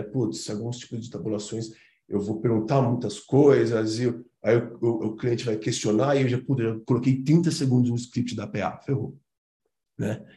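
A man's voice: lowish voice, dark tone, echoey room. A man giving an informal business presentation to a committee, talking loosely with lots of fillers and slangy interjections.

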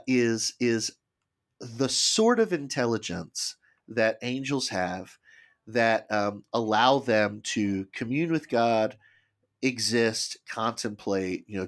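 A man co-hosting a casual podcast, tentatively explaining a book at length. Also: mid-range voice. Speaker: podcast co-host.

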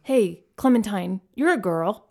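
A woman's voice: medium pitch, lively intonation, a little slow, mellow, pitched above the performer's own voice. A woman voicing an awkward, doughy male coworker in his late thirties who stammers and pleads.

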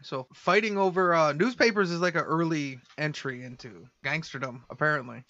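Bright-voiced man telling a crime story. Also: a little high, moderate pace, dull audio. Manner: storytelling, reads quotes, laughs along. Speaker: podcast host. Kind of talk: casual chat, reading out a story.

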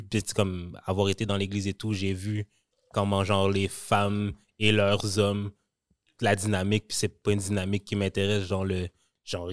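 A man from Quebec with a Quebec French accent, a guest on a podcast, talking candidly and laughing loudly. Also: on the low side, smooth. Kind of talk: casual banter.

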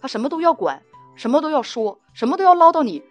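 A woman hosting a talk show, telling a relationship story in a chatty, animated way and acting out the quotes. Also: high-pitched, quick pace, soft background music. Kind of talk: storytelling monologue.

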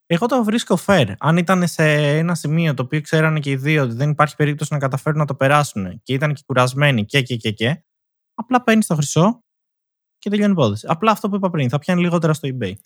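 A young man co-hosts a casual podcast chat, teasing his partner with dry jokes. His voice is fairly high-pitched and expressive, with no room sound.

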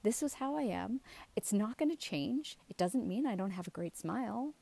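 A middle-aged self-esteem coach speaks expressively at normal speed, her mid-range voice dark in tone with vocal fry. Hosting her show, she gives an earnest, casual pep talk out of the side of her mouth, pressing listeners with emphatic questions.

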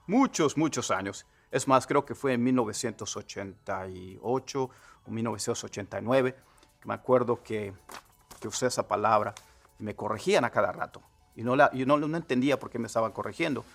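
A man, a native Spanish speaker, teaching English phrases, repeating words slowly so learners can copy them. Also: mid-range voice, creaky, fairly bright tone. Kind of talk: Spanish-language English lesson.

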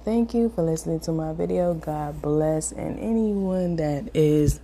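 A woman hosting her own podcast, talking casually in a quick, soft-spoken, low-key way while grieving and holding back tears. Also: a little hiss or hum. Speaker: podcast host.

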